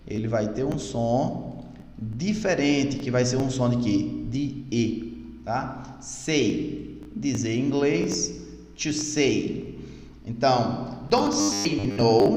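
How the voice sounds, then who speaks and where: A man's voice: mid-range voice, a little mellow. A man teaching English through song lyrics, explaining step by step and checking in with "tá?" and "né?" as he goes. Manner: slowly sings out English lyric lines. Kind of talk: online English lesson in Portuguese. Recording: echoey room with long reverb.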